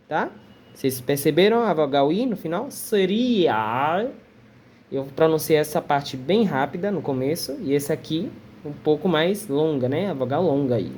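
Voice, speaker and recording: A woman's voice: low-pitched, warm tone, a little hiss or hum. A Portuguese-speaking woman teaching an online Arabic lesson, patiently repeating words and checking in with her students. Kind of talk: relaxed online language lesson.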